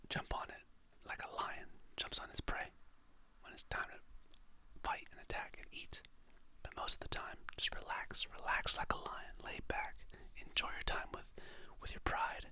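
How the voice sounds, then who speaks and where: Calming quotes are read aloud by an adult ASMR creator in a soft, slow whisper. The tone stays gentle, relaxed, and encouraging.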